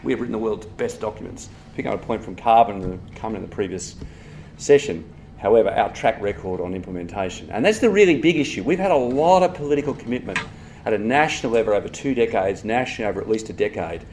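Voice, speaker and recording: Australian male conference speaker, rapid and emphatic, lower-pitched voice, faint room noise behind him. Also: lively intonation, a little mellow. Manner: brisk, digressive, emphatic with asides. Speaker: conference speaker on health policy. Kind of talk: live conference talk.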